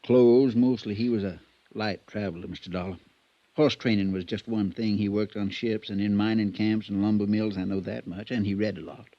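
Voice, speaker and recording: In a 1950s radio drama, a man with a lowish, steady voice plays a loyal, worried stable hand who is deferential and plain-spoken. At a normal speed and lightly acted, he talks in a folksy, hesitant, respectful way with a reflective mood. The vintage recording sounds dull and muffled.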